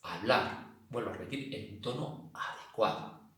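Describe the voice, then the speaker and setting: A man's voice: lowish voice, normal speed. A man with an accent from Spain leads a class for older people in a loose, conversational way, circling back to repeat his points. He sounds a little distant from the microphone. Strong room echo hangs around every word. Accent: Spanish from Spain. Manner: chatty, repeats himself, acts out loud shouting. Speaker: senior exercise instructor. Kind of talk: casual spoken talk to an online class. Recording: very echoey room, voice a bit far from the mic.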